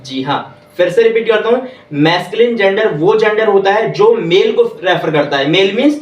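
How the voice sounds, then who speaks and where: A man teaching English grammar in a classroom, repeating each point slowly and quizzing the listeners. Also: high-pitched, lively intonation, dull audio. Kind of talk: classroom lesson. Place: classroom with whiteboard. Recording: echoey room, voice from far off.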